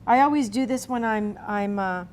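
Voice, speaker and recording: A woman's voice: medium pitch, normal speed, darkish tone. A woman hosting a casual cooking demonstration, chatting through each step with folksy asides. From Cape Cod, also grew up partly in Berlin in a US military family. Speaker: cooking show host. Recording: noticeable background room noise.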